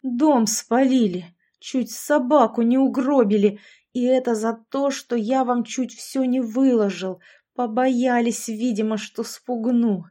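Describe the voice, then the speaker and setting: A woman voicing a bitter, frightened old village man in an audiobook, speaking slowly and gruffly. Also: a little high, fairly even intonation, dark tone, voice pushed up. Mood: angry. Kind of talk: audiobook character voice.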